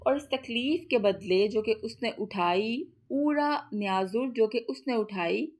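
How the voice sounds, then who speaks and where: Woman teacher, steady line-by-line translation, repeats phrases to explain them. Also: a little high, slight background noise. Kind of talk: line-by-line text translation lesson.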